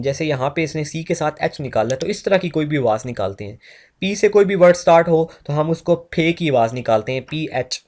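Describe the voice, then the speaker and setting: Young guy teaching english pronunciation, slightly high voice, drags out example words slow. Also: darkish tone. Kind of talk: spoken English lesson in Urdu.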